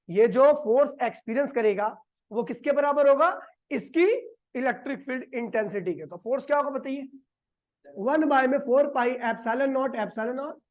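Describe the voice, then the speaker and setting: High-voiced man teaching a class. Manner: quizzes the class and answers his own questions; slow dictation of definitions. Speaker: physics teacher. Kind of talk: classroom lecture. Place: classroom with a board.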